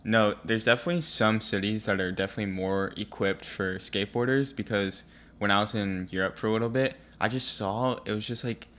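A man's voice: lowish voice, fairly even intonation, a little fast, hardly any pauses, fairly bright tone, a little hiss or hum. A young man hosting a podcast, chatting in an easygoing way. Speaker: podcast host. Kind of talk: casual chat.

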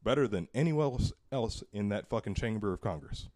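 A man with a low, dark and mellow voice ranting through a casual political chat. He swears freely and keeps driving his point home with heated insistence. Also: lively intonation, brisk.

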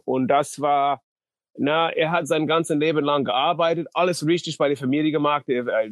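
A man's voice: fairly high pitch, no echo. A man in his thirties from North Dakota speaks German as a second language with an American accent. He is a guest in a casual interview and keeps stopping to search for words. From North Dakota, USA. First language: English. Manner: halting non-native German, searching for words. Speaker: guest, pitching coach.

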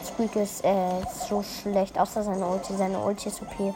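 A woman's voice: medium pitch, flat delivery, normal speed, very noisy. A young woman casually commentating her own gameplay, teasing her teammate and barking orders at her. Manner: teasing, bossy, calls out orders. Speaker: gaming video host.

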